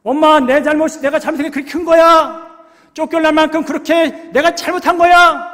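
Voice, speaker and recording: Preacher putting on a high, loud, sobbing little boy begging his mother, in a reverberant church hall. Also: fairly even intonation, fairly quick. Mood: pleading, wailing. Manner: wailing, begging. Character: desperate young boy pleading with his mother.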